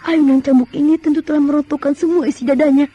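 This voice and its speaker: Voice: sits high, fairly even intonation, fast, warm tone, lo-fi sound, close to an everyday voice. A performer playing a bold, taunting young fighter in an old radio drama, with theatrical delivery. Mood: astonished. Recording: music under radio drama.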